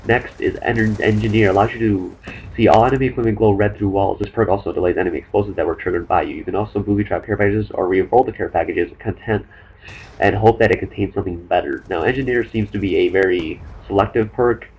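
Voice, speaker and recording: A young man commenting over his own gameplay, talking fast and rambling with many fillers and restarts. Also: fairly low pitch, a little mellow, breathy edge, rough recording. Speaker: gaming commentator.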